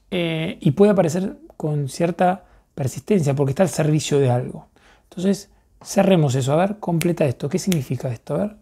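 Mellow man teaching therapists. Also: a little high, gravelly, slightly rough. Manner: relaxed, thinks aloud, checks in with frequent "right?". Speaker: therapy and coaching instructor. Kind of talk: explanatory teaching talk.

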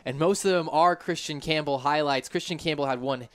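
Young man calling sports highlights. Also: a little fast, clear, resonant tone, no echo. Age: young adult. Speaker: postgame show co-host. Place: stadium broadcast booth. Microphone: headset mic.

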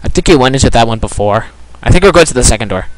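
A man's voice: medium pitch, expressive, rapid-fire, poor audio. A man as guest co-commentator on a let's-play, teasing and blurting out reactions on a home computer mic.

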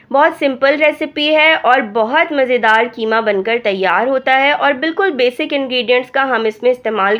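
A woman with a hoarse voice from a cold, calmly talking through a recipe step by step as a cooking channel host. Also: high-pitched. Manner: calm step-by-step instructing. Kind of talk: recipe voice-over narration. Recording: dull lo-fi voice-over.

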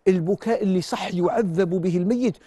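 A man's voice: sits high, a little fast, mellow, no room sound. A middle-aged Algerian man giving religious counsel as a sheikh, emphatic and repeating his phrases. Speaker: sheikh answering callers. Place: TV studio. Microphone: lapel mic.

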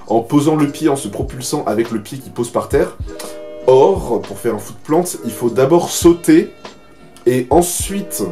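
A young man with a French accent explaining a BMX trick in a loud, chatty casual tutorial from his bedroom. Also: medium pitch. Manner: loud, chatty, addresses viewer as mate.

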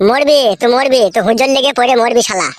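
A man voices a squeaky young male buddy in a crude comedy cartoon, scolding fast with foul language and hectoring. The character sounds exasperated, and there's no echo.

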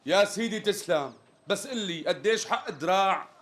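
An actor with a Syrian accent playing an exasperated customer who keeps pressing for the price. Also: male voice, high-pitched, animated, moderate pace, a bit bright. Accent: Syrian Arabic. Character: impatient male customer demanding the price.

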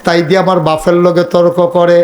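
High-voiced man telling a comic sermon. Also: completely flat delivery, quick pace. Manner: storytelling with acted dialogue, bursts into high shouting. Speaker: preacher. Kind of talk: humorous village sermon.

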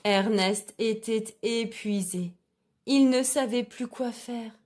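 A woman reading a children's storybook aloud in a clear, expressive way. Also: a little high, slow pace.

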